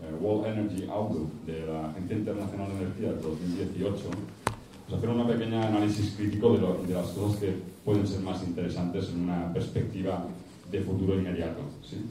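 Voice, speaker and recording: Deep-voiced man from Catalonia giving a talk. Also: steady tone, dark tone. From Catalonia, Spain. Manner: measured, with frequent "eh" fillers. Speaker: panelist, researcher. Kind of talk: conference talk. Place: conference hall. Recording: echoey hall, distant mic, background noise.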